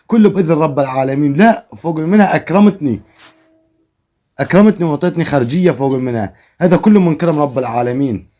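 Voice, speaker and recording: A man's voice: a little high, dark tone, lightly acted. A man voicing a poor, grateful older man who pleads and prays with emotion while telling a story.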